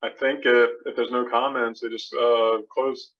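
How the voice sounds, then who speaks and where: A man's voice: mid-range voice, little pitch movement, unhurried. A man explains town finance details to a council over a video call, speaking plainly and in an explanatory way. His voice sits in the middle range for a man. The audio comes through muffled and dull.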